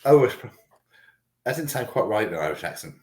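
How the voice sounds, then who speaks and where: A man's voice: fairly low pitch, big pitch swings, a little fast, a little mellow. A man co-hosting a casual football podcast, trading teasing banter and swearing now and then. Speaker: podcast co-host.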